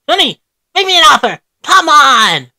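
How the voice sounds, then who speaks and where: A woman's voice: high voice, sing-song, measured pace, bright, forceful tone, no room sound, pitched above the performer's own voice, full character voice. A woman voicing a shifty male weasel hustler in a cartoon, talking in a slick, cocky, tough-guy way.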